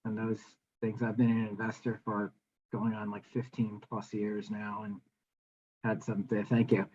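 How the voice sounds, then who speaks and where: A man calling in as a property investor, speaking in a polite, halting way. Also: on the low side, little pitch movement, darkish tone, a little hiss or hum. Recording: dull lo-fi call audio.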